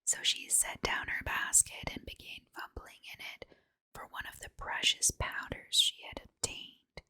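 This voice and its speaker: A woman's voice: measured pace, bright, forceful tone. A woman reads a children's storybook under her breath in an ASMR style, in an unvoiced whisper.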